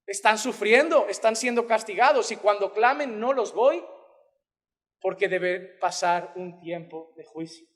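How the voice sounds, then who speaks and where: A man's voice: high-pitched, a little slow. A man preaching an emphatic, impassioned sermon. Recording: long hall reverb.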